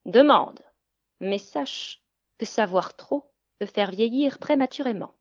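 A woman voicing a menacing, greedy old witch in a storybook reading, with a growling, drawn-out delivery. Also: medium pitch, dry recording, lo-fi sound, lightly acted. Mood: gruff. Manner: growling, threatening, drawn-out words.

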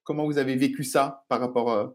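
A man's voice: mid-range voice, steady tone, fairly quick. A man moderating a panel, asking long questions with repeated words and stumbles.

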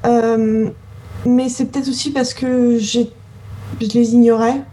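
A woman's voice: on the high side, little pitch movement, takes it slowly, warm tone, a little hiss or hum, low-quality recording. A woman in her thirties answering interview questions as a scientist, hesitant and often searching for words. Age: 30s.

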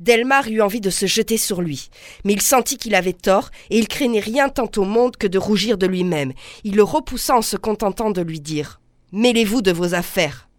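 A woman reading a passage of a novel aloud in an expressive, clearly articulated way. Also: medium pitch, normal speed, no echo, clean studio sound. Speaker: reader.

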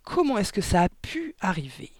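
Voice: mid-range voice, big pitch swings, moderate pace, breathy edge, no echo, pitched above the performer's own voice. A reader voicing a blustering middle-aged father who bellows in outrage and panic in an audiobook. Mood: panicked. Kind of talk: audiobook reading.

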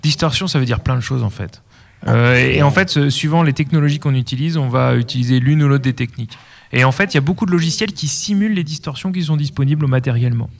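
A man's voice: medium pitch, fast talker, vocal fry. A man co-hosting a casual live radio show, explaining audio effects with many hesitations and fillers.

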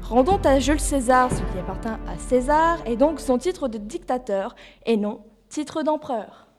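A woman's voice: sits high, expressive, normal speed, darkish tone, faint music behind. A woman hosting a discussion show, explaining and putting questions to guests. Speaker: host.

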